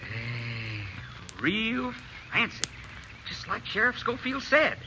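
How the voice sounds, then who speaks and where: An actor playing a cocky, garrulous small-town blacksmith in an old radio western, with a folksy American accent and a boastful, chatty manner. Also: male voice, sits high, wildly swooping pitch, slow, heavily acted. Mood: impressed, excited. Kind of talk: 1950s radio western acting. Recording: old radio recording, faint noise.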